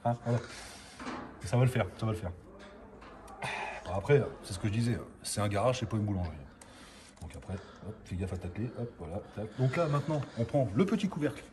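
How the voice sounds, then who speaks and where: Low-voiced man explaining car repairs. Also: lively intonation, a little fast, long pauses. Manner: chatty, with lots of filler words. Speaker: amateur mechanic host. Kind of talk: casual how-to commentary. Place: garage. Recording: noisy garage recording.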